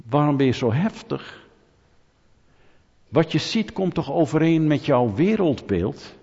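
A man preaching to his congregation, throwing rhetorical questions at the room and teasing people in the pews. His voice sounds slightly husky and rings out with a long reverb through a church hall. The sound is dull and muffled. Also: on the high side. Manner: lively, rhetorical, asks the audience questions, jokes with them. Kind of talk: sermon.

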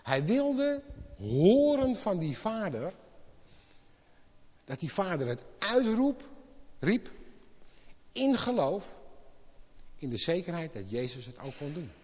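A man preaching a sermon in speech, impassioned and swinging from quiet asides to loud exclamations. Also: high-pitched, big pitch swings, slow pace, pauses often, husky. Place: church hall. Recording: lo-fi with long hall reverb.

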